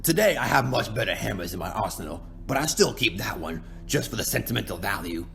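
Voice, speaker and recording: Man voicing King Dedede, gravelly cartoon penguin king. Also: on the low side, expressive, brisk, a bit bright. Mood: boastful, aggrieved. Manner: folksy, rambling, aggrieved. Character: self-pitying, boastful cartoon penguin king with a hammer. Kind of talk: ASMR roleplay monologue.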